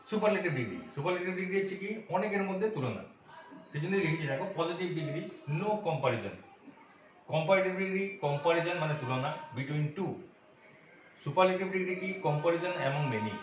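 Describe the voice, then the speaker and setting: A man's voice: fairly high pitch, a little hiss or hum. A man teaching an English grammar lesson to students, patiently asking and answering his own questions. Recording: echoey, distant, dull room recording.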